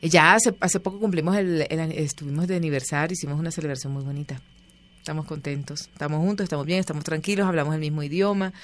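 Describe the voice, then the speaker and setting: A woman's voice: sits low, quick pace. A woman, a guest telling stories in a casual interview and acting out the voices of the people she quotes. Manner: animated, acts out quoted voices.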